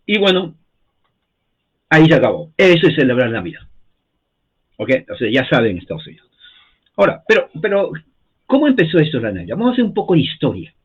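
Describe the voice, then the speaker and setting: Man, informal history lesson, chatty and repetitive, husky voice, tinny phone-like sound. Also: on the high side, huge pitch swings, quick pace, long pauses. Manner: chatty, repeats himself, checks in with the audience. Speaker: history teacher. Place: lives in the United States.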